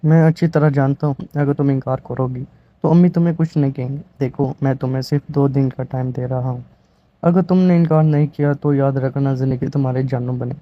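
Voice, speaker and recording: A stubborn, angry young husband from a romance story, as a male reader voices him. He talks in a harsh, threatening way. The pitch is middling, and the recording sounds slightly dull. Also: fairly even intonation, lightly acted.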